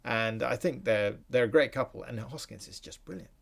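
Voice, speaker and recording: Gravelly guy hosting a film podcast, thinking out loud, lots of restarts. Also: mid-range voice, moderate pace. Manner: musing, analytical, with frequent restarts. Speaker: podcast host. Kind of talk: casual film discussion.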